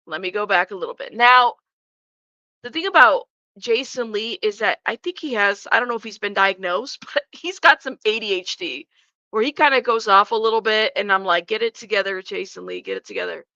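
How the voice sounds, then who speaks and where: A stuffed-up woman streams live, speaking a little fast in a mid-range voice that's bright and forceful. She's informal and blunt with her viewers, swears freely, and addresses chat directly. The recording is dry and muffled.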